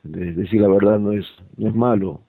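A man speaks haltingly in a low, husky, gravelly voice, often restarting mid-phrase as he gives a religious testimony. The sound is tinny and phone-like, with no room echo at all. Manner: hesitant, halting, many restarts. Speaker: church member testifying.

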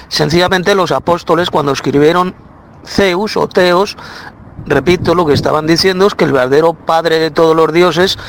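A man with a somewhat high voice preaches a Bible lesson, pressing his point again and again with many hesitant fillers. A faint hum of background noise sits under his voice. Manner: insistent, repeats points, frequent "eh" fillers. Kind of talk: spoken Bible teaching.

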